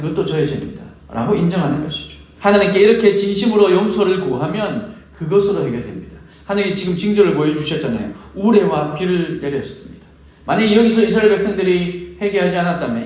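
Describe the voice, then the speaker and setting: Pastor preaching in an echoey church. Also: male voice, high-pitched, a little mellow. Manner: acts out quoted prayers, questions the congregation. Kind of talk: sermon. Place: church sanctuary.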